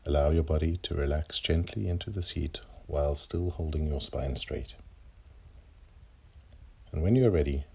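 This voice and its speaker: A man leading a guided meditation, speaking slowly and softly, his calm phrases sometimes trailing into breathy near-whispers. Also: a bass voice.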